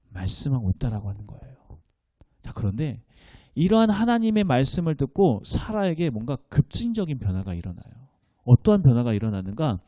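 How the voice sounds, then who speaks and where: Lively, dark-voiced Korean pastor preaching. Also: male voice, fairly high pitch, dry recording, clean studio sound. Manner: animated preaching, acts out quoted lines in a voice of God and Sarah; leads the congregation in reading scripture aloud. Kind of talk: Sunday sermon.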